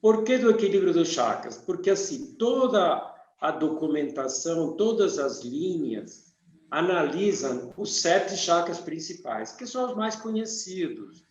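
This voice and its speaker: A man's voice: a little high, unhurried. Older man, echoey dull audio. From Argentina. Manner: calm, methodical, lists things one by one. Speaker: radiesthesia teacher, guest. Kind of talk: explanatory interview answers.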